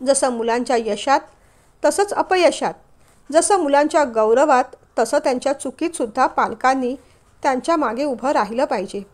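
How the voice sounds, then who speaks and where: A woman voicing a gentle, forgiving middle-aged father who speaks calmly and reflectively. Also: high-pitched, moderate pace.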